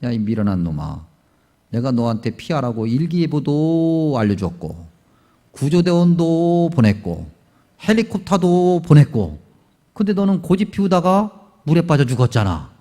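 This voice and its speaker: Stern older God figure, put on by a preacher, blunt and exasperated, in a reverberant hall. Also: male voice, fairly high pitch, very animated, normal speed, dark tone. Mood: scolding. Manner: blunt, scolding. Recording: long church reverb.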